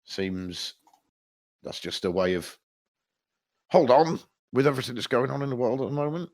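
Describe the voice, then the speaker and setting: A man in his thirties, co-hosting a podcast in casual chat, telling sweary, animated stories. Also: mid-range voice, moderate pace. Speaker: podcast co-host.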